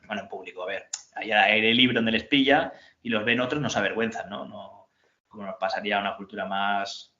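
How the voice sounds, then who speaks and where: A man's voice: fairly low pitch, sharp tone. A man hosting a casual book discussion, rambling with fillers and reading passages aloud. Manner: rambling, reads quotes aloud, many fillers. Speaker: podcast host. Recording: roomy, dull lo-fi sound.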